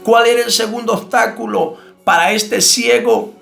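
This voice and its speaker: A man preaches an impassioned sermon, his voice pitched high with a gravelly edge. He piles up rhetorical questions and repeated calls. Soft music plays faintly beneath him. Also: steady tone, normal speed.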